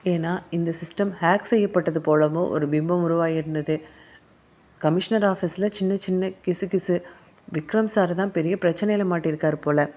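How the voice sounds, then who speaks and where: A woman narrating a crime thriller audiobook in a steady, even storytelling manner. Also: on the low side, moderate pace.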